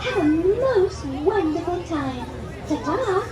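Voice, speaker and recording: A woman giving a prim, overly polite scripted safety announcement for a ride over an outdoor loudspeaker. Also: extremely high pitch, animated, takes it slowly, over music. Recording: echoey loudspeaker amid park crowd.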